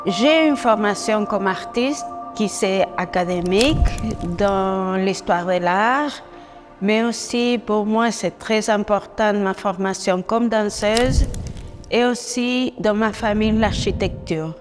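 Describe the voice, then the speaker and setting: Slow-woman, long echoing reverb. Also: medium pitch. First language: Spanish. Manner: deliberate, halting non-native French phrasing. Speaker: artist presenting their exhibition. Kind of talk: guided exhibition talk. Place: echoing gallery stairwell and rooms. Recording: long echoing stairwell reverb, music underneath. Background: music.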